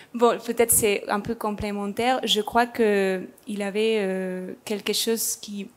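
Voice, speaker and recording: A woman from Madrid speaks French at a panel, stopping often to search for words. Her pitch sits in the middle and stays flat. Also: slow pace. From Spain, Madrid. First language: Spanish. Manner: hesitant, searching for words, many fillers. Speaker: architect, panel guest. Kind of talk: panel discussion.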